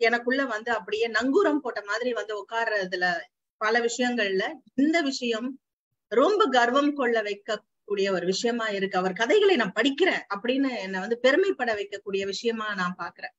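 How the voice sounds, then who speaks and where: A woman storyteller and coach calmly introducing the short story she is about to retell. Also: fairly high pitch. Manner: measured, reflective introduction. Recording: slightly dull lo-fi recording.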